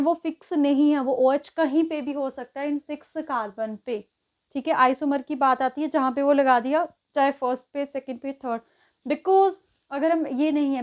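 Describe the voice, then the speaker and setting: High-voiced woman teaching chemistry. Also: darkish tone. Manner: explains step by step, counts positions aloud, often checks with "ठीक है". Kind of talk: exam-prep lesson at a board.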